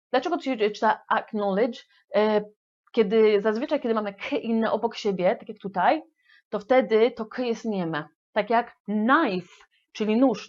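A woman's voice: fairly high pitch, highs cut off. A woman teaching English vocabulary in a playful, affectionate manner, with frequent hesitation fillers. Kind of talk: lively language lesson.

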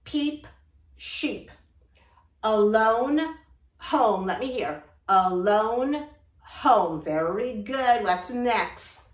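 A woman teaches young children their rhymes, speaking very slowly and with patient encouragement as she prompts them to repeat each pair. Her voice sits on the higher side. The recording sounds roomy and echoey, with her voice set back from the mic. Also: lively intonation. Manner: slow, encouraging, prompts listeners to repeat words. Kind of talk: read-aloud rhyming lesson for young children. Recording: echoey room, voice from a distance.

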